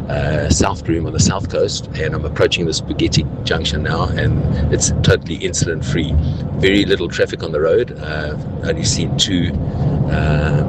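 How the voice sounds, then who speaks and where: A man leaving a casual voice note while driving, giving a relaxed, matter-of-fact traffic update that is played on air. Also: very deep voice. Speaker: listener calling in a traffic report. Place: inside a car while driving. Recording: voice note with loud car noise.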